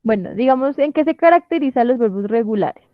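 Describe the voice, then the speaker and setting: A woman's voice: a little high, animated, a little fast, dry recording, highs cut off. A woman teacher, patiently explaining step by step in an online class and often checking that students follow. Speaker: English teacher. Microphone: computer mic on video call.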